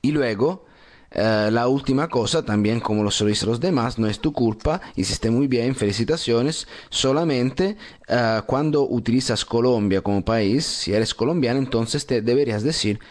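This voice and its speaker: A man giving friendly spoken feedback on Italian pronunciation, slowly repeating words to model the sounds. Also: mid-range voice. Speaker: Italian tutor.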